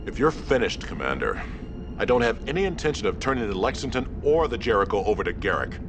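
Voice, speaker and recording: An actor playing a grave, resolute middle-aged warship captain in a video game, speaking in a measured, commanding, solemn way. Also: male voice, lowish voice, very animated, noisy background. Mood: firm, commanding. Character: grave, resolute male warship captain facing his death. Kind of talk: dramatic video game acting.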